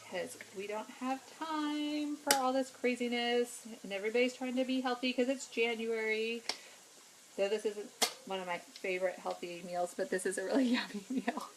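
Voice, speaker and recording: A middle-aged woman hosts a live cooking video from home, chatting casually with viewers and greeting them by name while she cooks. Her voice is a little high and she talks at normal speed. Background noise is present.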